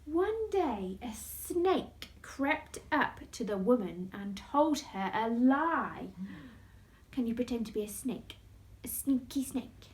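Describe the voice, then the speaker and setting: A woman's voice: a little high, lively intonation, takes it slowly, low-quality recording. A woman hosting story time for children, talking in an overbright, playful way like a kids' party host.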